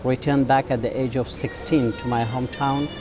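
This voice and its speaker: A teacher and school founder in his forties with an Afghan accent answers interview questions earnestly and haltingly, with many drawn-out fillers. His voice is mid-range with a flat delivery, and music plays in the background.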